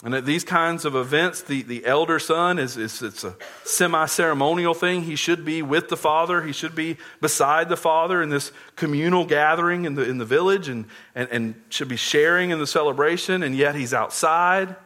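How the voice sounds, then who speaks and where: A man's voice: fairly high pitch, moderate pace, few pauses, sharp tone. A man preaching a sermon, earnestly explaining scripture and often repeating words as he goes.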